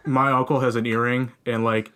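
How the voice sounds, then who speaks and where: A man's voice: medium pitch, level tone, normal speed, a bit bright, smooth. A young man co-hosting a comedy podcast, telling a long story in casual chat with many restarts. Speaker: podcast co-host.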